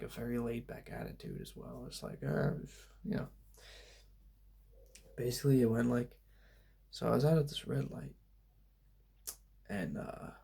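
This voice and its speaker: A young man talking softly in a loose, meandering ASMR ramble, laid-back and full of fillers. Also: medium pitch, creaky, slightly rough. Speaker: ASMR channel host. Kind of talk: soft-spoken ASMR rambling.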